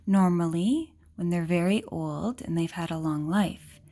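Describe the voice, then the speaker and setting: A woman with a lowish voice reads a children's picture book aloud at an unhurried pace. Her manner is gentle and explanatory, and she asks questions and adds little asides for young listeners.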